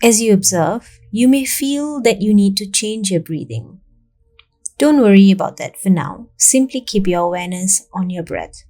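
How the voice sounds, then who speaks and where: In a medium-pitched voice, a woman leads a guided meditation, calm, soothing and measured, with long pauses between instructions.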